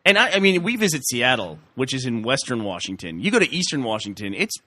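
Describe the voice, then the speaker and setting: Man podcast co-host, lively and opinionated, sharp bright tone, dry close sound. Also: medium pitch, fast, dry recording. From New York. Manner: animated, opinionated. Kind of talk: casual chat.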